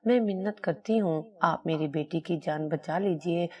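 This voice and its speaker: A woman's voice: on the low side, dark tone, close to an everyday voice. A woman reading the lines of a desperate, protective middle-aged mother in a storybook narration, in a pleading, anxious manner.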